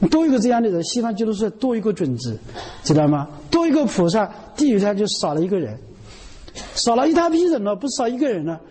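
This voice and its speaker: Guy preaching buddhist stuff, high husky voice, long echo like a big hall. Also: dark tone. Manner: earnest, keeps asking "you know?". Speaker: Buddhist teacher. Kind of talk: sermon.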